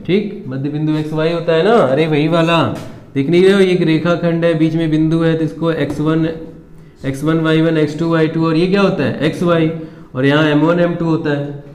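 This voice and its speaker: A man's voice: on the high side, fairly even intonation, normal speed, darkish tone, roomy sound. A man teaching a board-exam maths lesson, talking students through each step and checking they follow.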